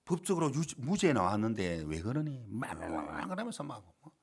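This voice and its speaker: A middle-aged man preaching from the pulpit in a church, telling a story in a lively, sing-song voice that swings widely in pitch. He acts out the story, rising loud and then sinking to a near murmur. The delivery is a classic storytelling sermon. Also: a little fast, breathy edge. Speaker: pastor. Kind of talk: sermon with acted-out quotes. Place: church sanctuary.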